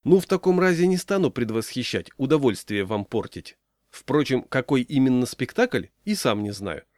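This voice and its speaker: A man's voice: medium pitch, big pitch swings, moderate pace, a little mellow, no echo, clean studio sound, lightly acted. A man voicing a village schoolteacher who speaks in a mocking, ironic way. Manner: mocking, ironic, mannered speech.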